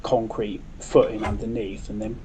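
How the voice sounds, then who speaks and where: Lowish-voiced man explaining a build. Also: little pitch movement, moderate pace, mellow, rough recording. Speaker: DIY build vlogger. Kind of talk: casual explanatory vlog talk. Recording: faint background noise.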